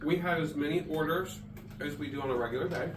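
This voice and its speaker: A man's voice: a little high, fast, over music. A man co-hosting a podcast, chatting playfully and rambling, recorded in a garage. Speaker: podcast co-host. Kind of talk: casual comedy chat. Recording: echoey garage, far from mic, faint noise.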